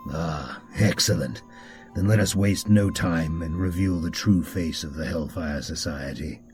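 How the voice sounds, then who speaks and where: A man's voice: low voice, measured pace, faint music behind, pitched below the performer's own voice. A man voicing a grandiose cult leader host. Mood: sly welcoming. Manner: grandiose, commanding. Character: theatrical male cult leader hosting a masked ball.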